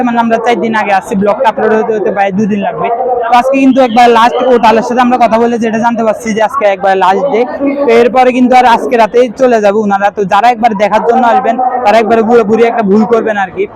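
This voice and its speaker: Male vlogger, high voice, casual street commentary with English words mixed in, loud crowd behind. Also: low-quality recording. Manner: mixes English words into Bengali. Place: crowded outdoor cattle market. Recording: busy outdoor market crowd noise. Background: market crowd.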